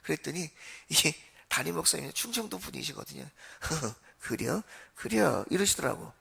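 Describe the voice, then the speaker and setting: A man's voice: a little high, lively intonation, brisk, creaky, sharp tone, husky. A man from Seoul preaching a Sunday sermon in a church, telling stories in a chatty way and speaking straight to the congregation. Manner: conversational storytelling, addresses the congregation. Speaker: pastor. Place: church sanctuary.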